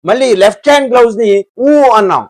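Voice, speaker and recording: A man's voice: very high-pitched, animated, racing, no room sound, shouting. A man with a Telugu accent teaching a lesson, who repeats each syllable and asks and answers his own questions. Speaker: Hindi teacher. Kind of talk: classroom lesson.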